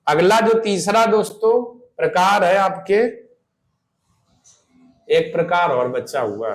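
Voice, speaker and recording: High-voiced man teaching slowly in an echoey room. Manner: asks questions and answers them himself, checking "clear?"; demonstrates vowel sounds slowly and repeats key terms. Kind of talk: exam-prep Hindi grammar lesson.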